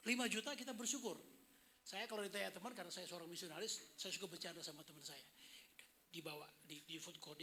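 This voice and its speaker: A man's voice: sits high, pushed and bright, a little hiss or hum. A man in his fifties preaching a thanksgiving sermon in a chatty, joking way, often calling out to the congregation. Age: 50s. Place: indoor service hall.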